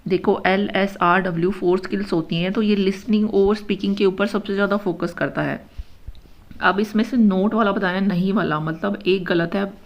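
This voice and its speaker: A woman's voice: medium pitch, steady tone. Woman teacher explaining step by step. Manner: explains step by step, mixing English terms into Hindi; reads question options slowly, then explains quickly. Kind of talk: exam-prep lesson. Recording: dull lo-fi recording.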